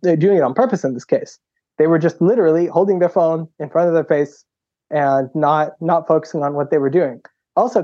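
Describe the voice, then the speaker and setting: A young man and interview guest telling stories in an animated way, acting out what people said with a raised voice. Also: no room sound. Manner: lively storyteller who acts out quotes with a raised pitch. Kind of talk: animated storytelling in conversation. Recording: slightly dull lo-fi audio.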